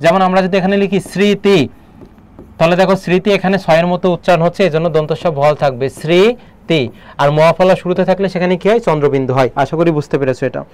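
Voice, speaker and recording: A Bangladeshi man teaching an online exam-prep class, explaining and quizzing students with quick questions. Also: a little high, a little mellow, clean tone. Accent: Bangladeshi Bengali.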